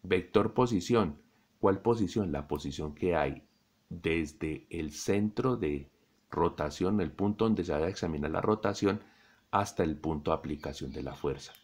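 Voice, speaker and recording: A middle-aged Colombian man teaching a physics lesson, explaining slowly and deliberately to his students. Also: deep voice, darkish tone, husky. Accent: Colombian Spanish. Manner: slow, deliberate explaining, addresses students directly. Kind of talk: recorded classroom lesson.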